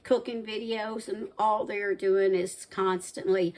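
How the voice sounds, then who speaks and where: A woman in her sixties from the American South, whose Southern accent is mixed with Midwestern, hosts a home cooking channel. Her medium-pitched, slightly mellow voice stays steady and slow as she rambles chattily between side stories in casual vlog talk.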